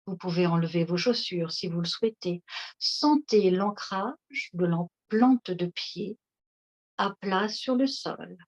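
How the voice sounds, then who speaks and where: A woman leading a guided seated relaxation session, speaking in a slow, soothing, instructive way. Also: medium pitch. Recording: dull lo-fi recording.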